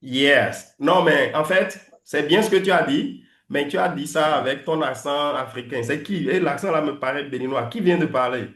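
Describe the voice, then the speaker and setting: A man teaching an online class, coaching pronunciation, lively and teasing as he drills his students. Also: fairly high pitch, normal speed, hardly any pauses, roomy sound. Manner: lively, teasing, switches between French and English drills. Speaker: English teacher.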